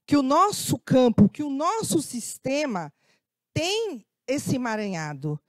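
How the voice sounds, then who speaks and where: A middle-aged Brazilian woman speaks in a Brazilian Portuguese accent, lecturing to an audience in a conversational way. Her pitch sits somewhat high and moves around a lot as she acts out bits of dialogue. The sound is close and dry. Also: sing-song, takes it slowly, no room sound. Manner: conversational, frequent tag questions, acts out quoted dialogue. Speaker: guest speaker, educator. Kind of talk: lecture with personal anecdotes.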